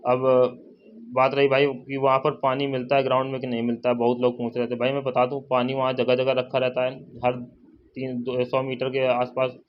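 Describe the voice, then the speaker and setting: Speaking at a moderate pace in a monotone, medium-pitched voice, this channel host shares an informal exam update, going over points again and addressing viewers as brother. Birds and faint noise sit behind a dull, lo-fi sound.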